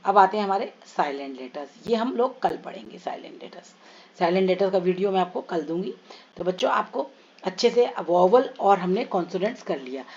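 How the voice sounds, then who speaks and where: A woman teaching English pronunciation, slowly stretching and repeating sounds and words for her students. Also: mid-range voice. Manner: slow, drawn-out repetition of sounds and words. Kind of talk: explanatory pronunciation lesson. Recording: slightly dull lo-fi recording.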